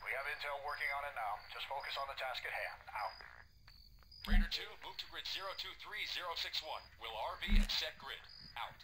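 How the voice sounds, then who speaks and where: A man's voice: fairly high pitch, fairly quick. A man voicing a soldier giving clipped military reports over the radio, his voice broken by static bursts. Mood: tactical. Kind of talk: terse military radio chatter.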